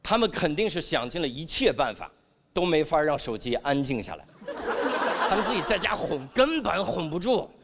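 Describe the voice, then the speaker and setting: A man performs stand-up on a comedy stage. His voice sits high and swings widely as he acts out the voices in his stories. Loud noise runs underneath. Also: normal speed. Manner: animated, acts out quoted voices. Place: comedy stage before a live audience.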